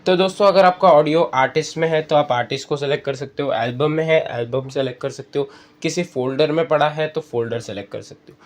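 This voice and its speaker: A man with a fairly high voice speaks at a quick pace while hosting a spoken screen-reader app tutorial, going step by step and speaking to his audience as friends.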